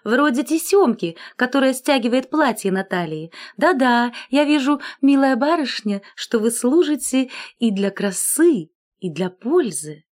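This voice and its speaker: A woman's voice: sits high, expressive, measured pace, a little mellow, voice pushed up. A woman voicing a vain, boastful male shirt collar who flirts and brags in a gushing way. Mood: smooth flirting.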